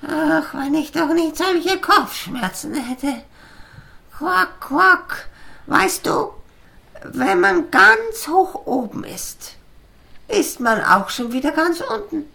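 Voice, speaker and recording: A woman's voice: high-pitched, sing-song, takes it slowly, gravelly, bright, forceful tone, full character voice. A woman voicing a moody female frog with a headache who groans and quacks between her sentences in a children's audio story. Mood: wistful.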